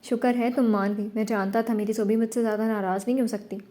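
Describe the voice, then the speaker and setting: A woman voicing a gentle young man who coaxes the girl he loves over the phone. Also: a little high, fairly even intonation, natural voice. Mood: tender. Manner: gentle, coaxing. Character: tender young man, devoted lover.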